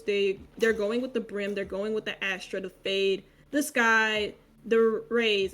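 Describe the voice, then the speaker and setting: A woman's voice: medium pitch, fairly bright tone. A woman giving analytical commentary as an esports caster.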